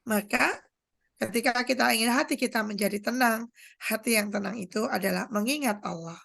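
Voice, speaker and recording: Woman doctor with a gravelly voice. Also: on the high side, normal speed, fairly bright tone. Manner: explains with everyday analogies and acts out quotes; addresses the audience directly. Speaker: doctor giving a coaching talk. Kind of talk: religious motivational talk.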